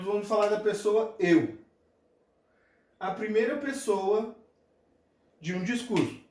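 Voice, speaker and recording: Slow, animated male teacher in echoey room. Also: high voice. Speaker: English teacher. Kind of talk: classroom lesson. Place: classroom with a board.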